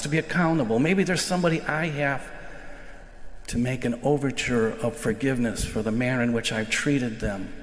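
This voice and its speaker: An older American priest delivers a sermon from a lectern microphone in a large indoor church sanctuary, his male voice sitting at a medium pitch. He sounds earnest and reflective, slowing down to stress key phrases. The recording is an echoey church livestream with long reverb.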